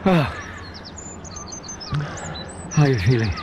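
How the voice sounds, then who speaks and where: An actor playing a devoted English gentleman doctor in a radio drama, gentle and earnest. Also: mid-range voice, big pitch swings, slow pace, background noise. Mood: tender concern.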